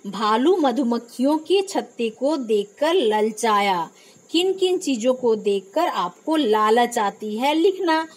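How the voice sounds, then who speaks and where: A woman's voice: on the high side, lively intonation, slow, rough recording. A woman teacher walking young children through a textbook lesson, patiently posing questions and answering them herself, often checking in with them. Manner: frequent "isn't it" check-ins. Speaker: primary school teacher.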